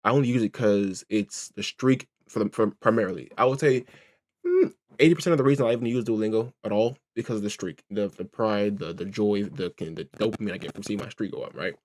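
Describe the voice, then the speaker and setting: His voice is on the low side with a darkish tone, and he talks fairly quickly. As a reaction streamer, he rambles casually, keeps restarting his sentences, curses freely, and repeatedly checks in with "right?" and "you know what I'm saying?"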